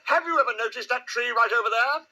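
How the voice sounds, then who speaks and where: A man's voice: extremely high pitch, quick pace, bright, forceful tone, pitched above the performer's own voice, full character voice. A man voicing a simple, bumbling bear in a storybook reading, artless and earnest. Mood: eager, distracting.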